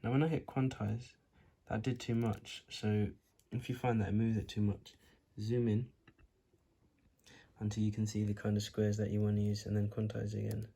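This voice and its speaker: A man's voice: lowish voice, level tone, normal speed, creaky, dark tone, husky. A man teaching an informal step-by-step music tutorial, thinking aloud as he works, with R's that come out like W's. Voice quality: cannot pronounce R's properly, R sounds like W. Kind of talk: informal screen-recorded tutorial, demonstrating step by step.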